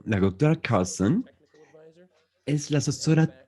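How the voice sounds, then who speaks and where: A man working as a live interpreter for an online press conference, with a mellow, dark tone. His pitch moves in a lively way as he goes, and he often stops to restart words and fill gaps with hesitations. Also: breathy edge. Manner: halting, with restarts and fillers. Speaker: simultaneous interpreter.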